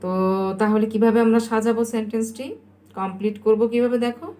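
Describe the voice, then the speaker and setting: A woman's voice: fairly high pitch, fairly even intonation, quick pace, mellow. A woman teacher giving a recorded lesson, dictating English sentences word by word and often checking with her pupils. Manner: frequent checking questions to pupils.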